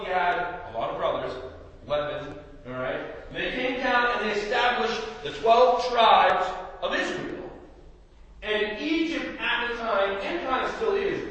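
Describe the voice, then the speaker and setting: A man from Appalachia preaches a sermon to a church group in a big, booming voice that sits high for a man. He is recorded from far off with no microphone, so the big hall's long echo and a faint hum of the room trail every phrase. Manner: big loud voice; jokey, self-mocking asides. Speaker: guest preacher and youth speaker. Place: church hall, large room. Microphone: no microphone, picked up from a distance. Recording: echoey hall from far off.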